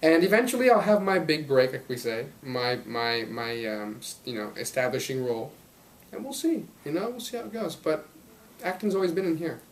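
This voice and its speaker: A young actor in his twenties, from Belgium and Los Angeles and raised partly in Belgium, talks about his acting career as a guest in a casual interview. He rambles upbeat and laughs often, his slightly high voice expressive and a little fast. There's a little hiss or hum in the audio.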